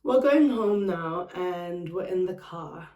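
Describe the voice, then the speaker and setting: A young South African woman vlogger telling a personal story in a dramatic, expressive way, with sharp retorts. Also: lowish voice, takes it slowly. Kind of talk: storytime chat. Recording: roomy, a bit distant from the mic.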